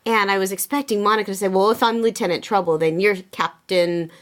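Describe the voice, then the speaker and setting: A woman co-hosting a movie podcast, chatting casually and retelling scenes in an animated way. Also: medium pitch, fast talker, clean tone. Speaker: podcast co-host. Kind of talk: casual chat.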